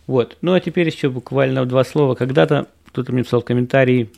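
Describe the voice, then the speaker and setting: A man's voice: medium pitch, steady tone, quick pace, vocal fry, a little mellow. A man from Russia, an author and programmer, talking casually to viewers in a rambling, explanatory way and demonstrating English pronunciation.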